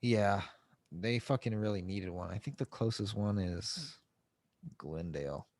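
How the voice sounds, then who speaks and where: A man co-hosting a podcast in casual joking chat, swearing often and breaking into loud mock outbursts. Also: on the low side, expressive, unhurried, dry recording. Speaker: podcast co-host.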